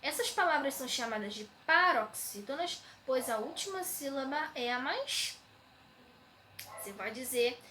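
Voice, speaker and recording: A woman's voice: high-pitched, fairly bright tone, slight background noise. A woman teacher, patiently explaining textbook exercises to young students, often saying "né". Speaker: schoolteacher. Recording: echoey room.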